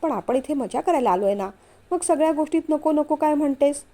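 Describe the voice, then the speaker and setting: A woman reads out a young husband who teases and coaxes his shy wife. The voice stays high and mellow, with an easy storybook tone. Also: expressive, fairly quick. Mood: coaxing. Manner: teasing, coaxing. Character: affectionate playful young husband. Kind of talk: storytelling read-aloud.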